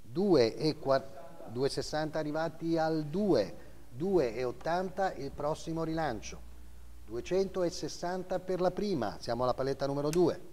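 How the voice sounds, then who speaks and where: A middle-aged auctioneer sits behind a desk in an indoor auction house room, calling bids and lot numbers live in short, clipped phrases and often repeating the figures. His voice is slightly high, animated and darkish, at a moderate pace, and the space sounds like a large hall.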